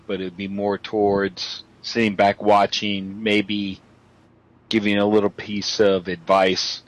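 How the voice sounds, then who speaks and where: Man, lowish voice, earnest and measured, relaxed chat delivery. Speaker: guest. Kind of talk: casual group chat.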